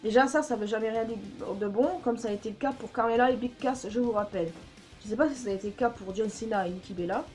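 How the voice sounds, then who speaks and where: A woman's voice: fairly high pitch, fast, darkish tone, soft background music. A woman giving opinionated, blunt news commentary in a casual vlog, swearing now and then. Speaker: YouTuber.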